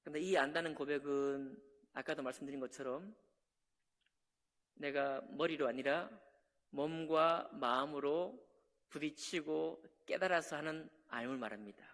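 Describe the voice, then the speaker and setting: A man's voice: on the high side, a little slow, a bit bright. A man pastor preaching an impassioned sermon, acting out the pleas of biblical figures. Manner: impassioned, acts out complaints of prophets. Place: church sanctuary. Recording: long church hall reverb.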